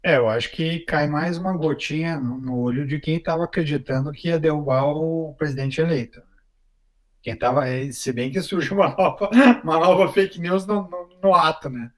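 A man's voice: fairly high pitch, moderate pace. A man with a Brazilian accent, a podcast co-host making dry, ironic remarks in casual chat. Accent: Brazilian Portuguese.

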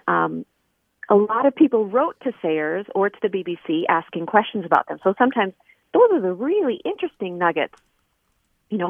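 A woman guest with a medium-pitched voice explains her scholarly work in a relaxed, conversational interview over a remote call. There's no echo, but the line sounds thin and phone-like.

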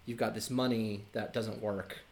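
A man's voice: fairly low pitch, flat delivery, moderate pace, vocal fry, a little mellow, a little hiss or hum. Man musing casually about a book. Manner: thoughtful, heavy use of "like" and "you know". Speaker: podcast co-host.

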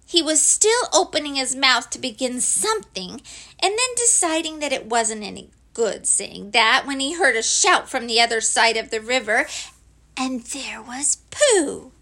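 A woman reading a storybook aloud in a gentle, expressive way. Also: high-pitched, measured pace.

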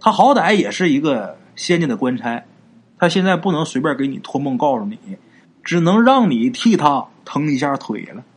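A man voicing a shrewd, calm old male folk healer who speaks slowly in a low, knowing tone. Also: husky. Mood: solemn. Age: older.

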